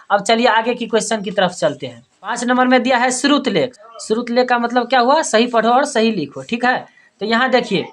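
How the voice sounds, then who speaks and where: A woman teacher explaining word meanings and spelling out words slowly, syllable by syllable, with frequent checking questions. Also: on the high side. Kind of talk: classroom lesson.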